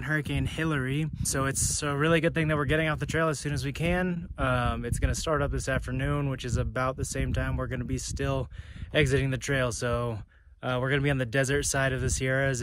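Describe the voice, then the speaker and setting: A man in his thirties talks into a phone held at arm's length outdoors on a mountain trail. He speaks in a halting, casual vlog style, full of fillers and restarts, with clear background noise behind him. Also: mid-range voice. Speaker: hiking vlogger. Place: outdoors on a mountain trail, later indoors in a room.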